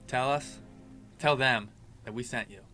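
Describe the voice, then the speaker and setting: Man, average pitch, casual review chat, loose informal phrasing, noticeable background music. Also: measured pace, sharp tone. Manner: informal, loose delivery full of "like". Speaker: pipe tobacco reviewer. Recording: music clearly playing behind.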